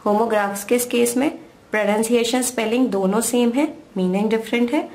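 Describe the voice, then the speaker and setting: A woman's voice: a little high, normal speed, a little mellow. An Indian woman teaching English grammar, patiently explaining and spelling out words letter by letter. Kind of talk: slow explanatory lesson in Hindi-English mix.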